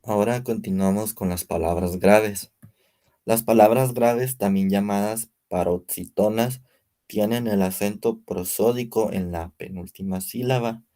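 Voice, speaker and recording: Slow, low-voiced young man reading a lesson. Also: dark tone. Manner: reads word lists slowly with pauses, some slips. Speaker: student presenter. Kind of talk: reading a spelling lesson aloud.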